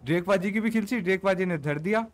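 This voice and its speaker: A man's voice: sits high, fast talker. A man in casual roleplay voice chat, telling a long story and swearing freely, with filler checks between beats. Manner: keeps saying "ठीक है" between beats.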